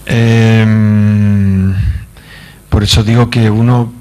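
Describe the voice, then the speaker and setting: Slow, halting man lecturing. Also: fairly low pitch, level tone, warm tone. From Argentina. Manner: halting, many fillers and pauses, wry asides. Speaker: conference speaker. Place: conference stage.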